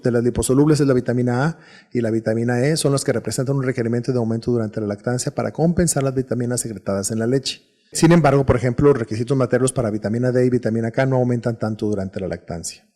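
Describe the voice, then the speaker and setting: A man's voice: medium pitch, warm tone. A man giving a recorded medical lecture with a Mexican Spanish accent, explaining steadily and often restarting or repeating words.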